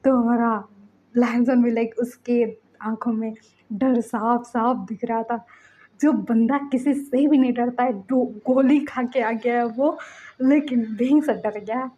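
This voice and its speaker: A young woman retells a story in a loose, chatty way with a high, mellow voice. The sound is dull and lo-fi. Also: fairly even intonation, takes it slowly. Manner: chatty, conversational retelling with many fillers. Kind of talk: casual fan fiction retelling.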